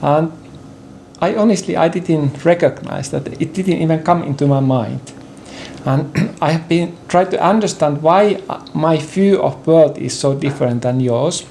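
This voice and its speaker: An older Finnish-accented man speaks slowly and haltingly, stopping for fillers and clearing his throat. His voice is dark and gravelly. He is a native Finnish speaker who chooses his English words carefully. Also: on the high side, slight background noise. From Finland. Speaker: interview guest, partner in conversation. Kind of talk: personal conversation on a sofa. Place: indoor living room with bookshelves.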